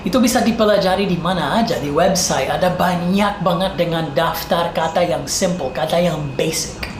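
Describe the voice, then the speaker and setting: A woman with an American accent, a native English speaker speaking Indonesian as a foreigner and mixing in English, teaching in a casual, emphatic tutorial style with repeated example phrases. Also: on the low side. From United States. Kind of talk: casual tutorial for online video. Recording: roomy echo, faint background noise.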